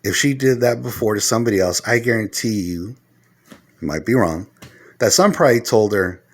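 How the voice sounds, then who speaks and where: A middle-aged man talking casually to the camera, giving earnest advice point by point and growing loud and heated as he retells arguments. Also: fairly low pitch, expressive, moderate pace. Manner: earnest, lecturing, numbers his points. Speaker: vlogger giving life advice.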